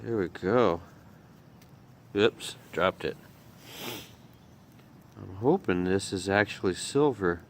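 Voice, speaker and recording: A man's voice: low voice, takes it slowly, pauses often, a little hiss or hum. A man vlogging his metal detecting finds, chatting casually and thinking aloud as he digs outdoors in a muddy field. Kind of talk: casual outdoor narration while digging.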